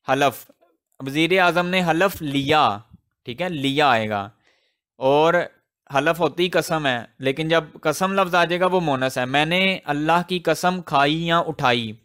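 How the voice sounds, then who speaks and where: A man teaching a grammar lesson, explaining slowly with example sentences and repeating the key words. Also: fairly high pitch, fairly bright tone. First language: Urdu.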